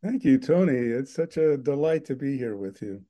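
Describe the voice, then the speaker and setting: A man's voice: medium pitch, lively intonation, normal speed, muffled recording. An older man, a filmmaker guest, speaking thoughtfully and earnestly in an interview, with frequent fillers. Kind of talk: reflective interview talk.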